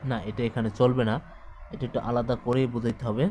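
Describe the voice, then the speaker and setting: A man's voice: medium pitch, flat delivery, fast, darkish tone, slight background noise. Male teacher, exam-prep lecture; repetitive, step-by-step, quizzes the class as he goes. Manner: explains step by step, repeats points, asks the class questions.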